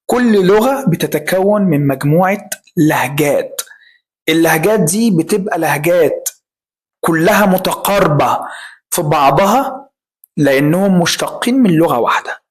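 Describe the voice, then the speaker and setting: A man's voice: a little high, expressive. A man with an Egyptian Arabic accent teaching English, repeating each word several times for practice. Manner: repeats words slowly for drilling. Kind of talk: spoken language lesson.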